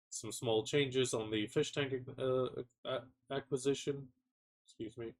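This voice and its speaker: A man with a stuffy, nasal voice from a cold, casually running through game patch notes and stumbling over words now and then. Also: medium pitch. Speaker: gaming content creator.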